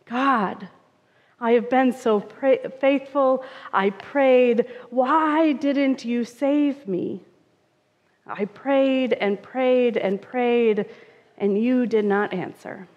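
A woman's voice: a little high, drawn-out words. A woman voicing a stubborn, overly faithful man stranded on a roof, protesting insistently. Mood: distraught. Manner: insistent, raised pleading protest. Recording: reverberant, dull church sound.

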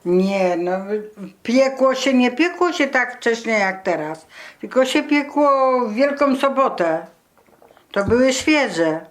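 Elderly woman, slow-paced and colloquial. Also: a little high, animated. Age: 70s or older. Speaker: grandmother being interviewed. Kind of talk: casual reminiscing conversation.

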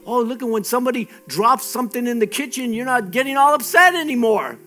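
A man's voice: very high voice, lively intonation, fast, sharp tone, soft background music. A man preaching a sermon as pastor, emphatic and exhorting, often repeating his phrases.

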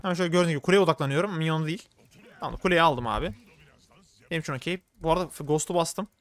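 A male gaming streamer giving chatty live gameplay commentary, thinking aloud and flaring up in frustration. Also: on the high side.

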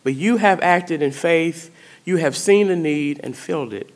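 Her voice low-pitched and a touch slow, a middle-aged priest delivers a sermon to her congregation, chatting with them and asking them questions. A microphone on a stand before the pulpit records her in the sanctuary.

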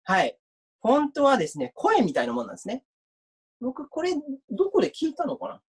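Lively man giving an online lecture. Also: very high voice, fairly quick, husky. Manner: lively, chatty, reads out viewer comments. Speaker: university lecturer.

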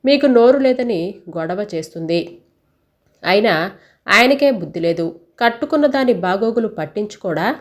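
An outspoken old milkman grumbles with blunt indignation, voiced by a woman narrating a story. His voice is a plain, mid-pitched storyteller's voice. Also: animated, normal speed, long pauses, natural voice. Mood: indignant.

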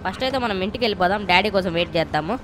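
A woman's voice: mid-range voice, racing, noisy background. A young woman giving casual, rowdy, playful gameplay commentary and swearing freely. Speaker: gaming channel host.

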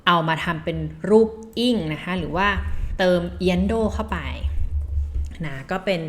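Female Spanish tutor from Thailand, lower voice, unhurried, chatty lesson delivery. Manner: chatty, laughs at own slips, reads phrases slowly. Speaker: Spanish teacher. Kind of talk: casual language lesson.

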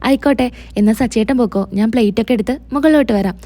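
Woman doing earnest devoted young wife, mellow, sincere. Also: on the high side, racing, natural voice. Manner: earnest, explaining.

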